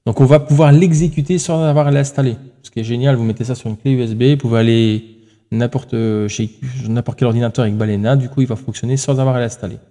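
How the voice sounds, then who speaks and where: A man's voice: medium pitch, steady tone, quick pace, mellow. A man hosting a tech tutorial, talking casually through each step on screen, thinking aloud with fillers and self-corrections.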